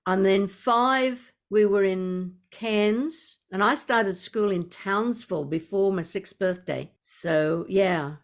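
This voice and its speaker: A woman's voice: mid-range voice, slow pace, few pauses. A woman in her seventies with an Australian accent, hosting a podcast conversation in a chatty, rambling way. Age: 70s. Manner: chatty, laughs easily, rambling asides. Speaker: podcast host. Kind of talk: conversational interview.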